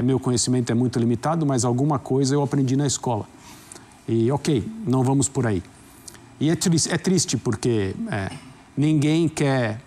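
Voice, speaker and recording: A man's voice: mid-range voice, darkish tone. A man with a Brazilian accent commenting in a studio sports debate, reflective with wry asides. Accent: Brazilian Portuguese.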